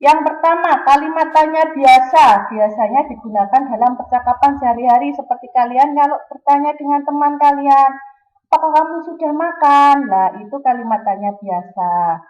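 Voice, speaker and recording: A high-pitched woman teaching young pupils. She speaks patiently, posing questions and answering them herself. The recording sounds roomy and a little muffled. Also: normal speed. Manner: patient, addresses pupils directly, asks then answers questions. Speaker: primary school teacher. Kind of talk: recorded classroom lesson. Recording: echoey room, slightly dull sound.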